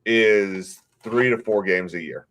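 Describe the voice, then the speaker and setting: A man with a fairly low voice and a drawl, talking video games in a relaxed, blunt way. He laughs easily and keeps the chat loose. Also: measured pace. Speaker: podcast host. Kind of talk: casual gaming chat.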